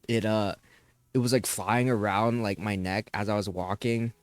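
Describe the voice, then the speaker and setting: A young man hosting a podcast, telling childhood stories in a lively way, laughing and swearing freely. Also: fairly low pitch, normal speed, dry recording. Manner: animated storyteller, laughing, swearing. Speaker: podcast host. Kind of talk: casual chat.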